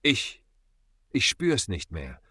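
A man's voice: on the low side, wildly swooping pitch, takes it slowly, bright, forceful tone, breathy edge, no echo, clean studio sound, full character voice. A man voicing a boastful young man who is dying of a wound, gasping and strained. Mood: fading.

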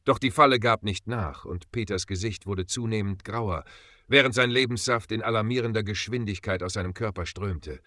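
Bright, low-voiced male story narrator. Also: normal speed, no room sound. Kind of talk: scripted audiobook narration.

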